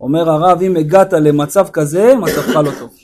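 A rabbi gives a sermon in a fairly high voice, telling stories with lively energy and pressing his listeners with rhetorical questions. He speaks with a sound. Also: crowd noise. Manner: animated storytelling with rhetorical questions.

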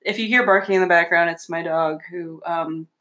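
A woman's voice: fairly low pitch, fairly even intonation, normal speed, bright, forceful tone. A young woman hosting a podcast from her bedroom, chatting casually, joking and laughing often. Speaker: podcast host. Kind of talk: casual chat. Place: bedroom at home.

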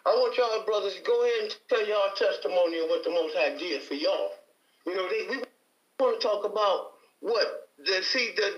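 Speaking as a panel guest in a heated debate, a Detroit man gives emphatic testimony in a preacher-like manner, using repetition to stress his points. His voice sits high and a bit bright, captured in a muffled, reverberant recording.

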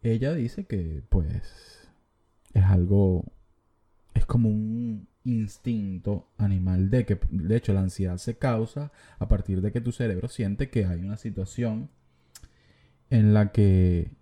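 A young Venezuelan man talking loosely to his listeners, his voice very dark and mellow with a husky edge. He rambles from one joke to the next and swears freely, like an easygoing podcast host thinking out loud. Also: on the low side, unhurried. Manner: joking, profane, rambling. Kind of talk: casual comedic monologue.

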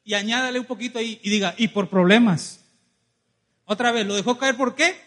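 Man, preacher, high voice, animated storytelling, church. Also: fast talker. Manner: animated, calls congregation to respond, acts out dialogue. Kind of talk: lively sermon with storytelling.

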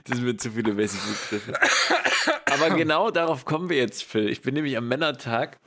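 A young man chats casually as a podcast co-host. He tells his stories in a lively way, acts out the other people's lines and laughs often, all at a mid-range pitch. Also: a little fast. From eastern Germany. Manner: animated storyteller who acts out voices and laughs often. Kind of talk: casual chat.

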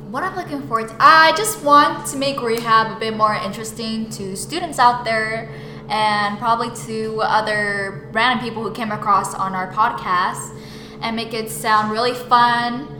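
A woman's voice: fairly high pitch, fairly even intonation, unhurried. A seventeen-year-old young woman co-hosting a student podcast and chatting casually to listeners. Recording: echoey room with faint noise.

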